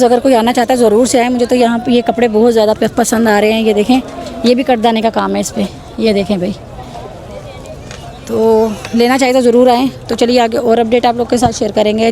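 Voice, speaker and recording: A woman with a Pakistani accent hosting a market vlog outdoors, selling the goods to viewers in repetitive patter that urges them to come and buy. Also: fairly high pitch. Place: outdoor street bazaar.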